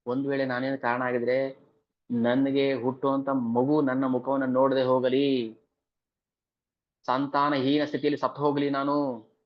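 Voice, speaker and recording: A man's voice: medium pitch, highs cut off, natural voice. A man voicing a grieving young prince who earnestly pleads with his mother. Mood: vowing.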